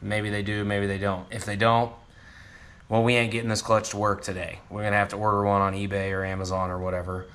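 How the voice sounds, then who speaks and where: A lowish, level, fairly bright male voice moves along at a fairly quick clip. The garage-channel host wrenches on a car at home, both at it and underneath, giving a loose work-along commentary full of self-mocking humor.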